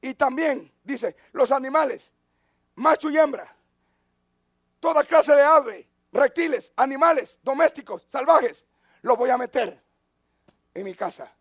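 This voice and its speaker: A man preaching a sermon as a pastor, who drops to near-whispers and then rises to shouts. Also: very high-pitched, lively intonation, a little slow, long pauses, dry recording, studio quality.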